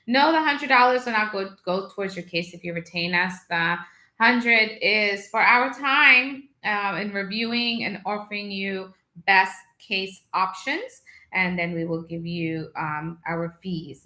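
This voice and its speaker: A woman from Guyana, a lawyer hosting a live video question session from her office, answering viewers briskly and reading out phone numbers slowly. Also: mid-range voice, sharp tone, roomy sound, rough recording. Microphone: video call setup.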